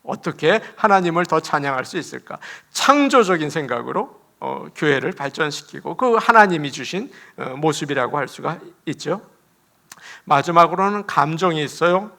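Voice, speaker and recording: Man, pastor, church sermon, animated preaching, bright tone. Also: on the high side, normal speed, vocal fry. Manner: animated preaching with laughter and acted quotes.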